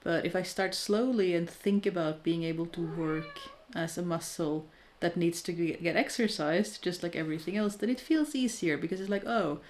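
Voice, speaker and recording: A Norwegian woman in her thirties, a crafting streamer, chats casually and candidly with her viewers in a live session. Her voice sits on the low side and is a little mellow, moving at normal speed with hardly any pauses, and she often restarts sentences in a thoughtful, self-deprecating way. A slight hiss or hum runs under the recording.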